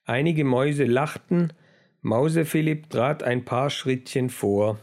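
A man reading a children's book aloud in a measured storytelling manner. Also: medium pitch, a little mellow. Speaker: narrator. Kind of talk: audiobook narration.

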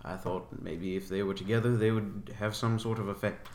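A man's voice: fairly low pitch, fairly even intonation, brisk, darkish tone. A man taking part in a tabletop role-playing game, talking casually and in character. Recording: echoey room with faint noise.

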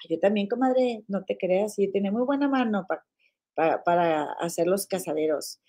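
A woman's voice: medium pitch, moderate pace. A woman hosting a casual live podcast, chatting affectionately with her viewers, full of diminutives and "comadre". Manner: frequent fillers and restarts, animated swings in loudness. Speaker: live-stream podcast host. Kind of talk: casual live chat reading viewer comments.

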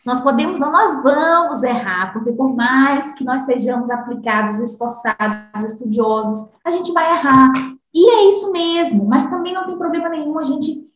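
A woman's voice: high-pitched, lively intonation, moderate pace, faint music behind. A woman with a Brazilian Portuguese accent who hosts the conversation and speaks in a thoughtful, reflective way. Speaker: host. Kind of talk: conversational interview talk.

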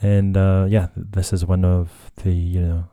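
A man's voice: sits low, flat delivery, measured pace, dark tone, dry recording, studio quality. A young Japanese man with a Japanese accent hosting a casual solo podcast, talking hesitantly with many fillers and self-corrections. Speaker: podcast host. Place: Tokyo, Japan.

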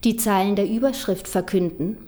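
A woman's voice: mid-range voice, moderate pace, mellow. A woman with a Danish accent performing rhyming slam poetry, ironic and mocking, slipping into whispers for secret lines. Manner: rhythmic rhyming delivery with ironic, mocking emphasis. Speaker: spoken-word poet.

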